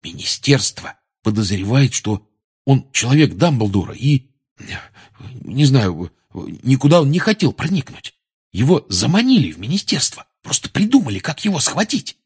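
A man reading aloud and voicing an eager, excitable teenage schoolboy wizard. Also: mid-range voice, moderate pace, slightly rough, pitched above the performer's own voice.

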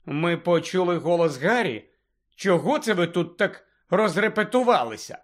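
Cool steady teen girl, read by a man. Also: sits high, moderate pace. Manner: cold, calm. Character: cool, self-assured teenage girl.

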